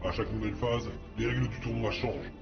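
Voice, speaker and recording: A man's voice: fairly low pitch, fairly even intonation, quick pace, vocal fry. A man playing a mysterious male tournament supervisor who announces the rules, his voice run through a voice changer. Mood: commanding. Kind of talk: scripted announcement in a played video. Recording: lo-fi video audio with loud music.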